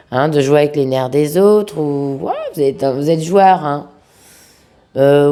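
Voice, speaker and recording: A woman with a sick-sounding voice giving an informal tarot reading to viewers, speaking familiarly and affectionately, with halting pauses. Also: sits low, mellow. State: sick-sounding voice, under the weather. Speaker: tarot reader, host of a video channel.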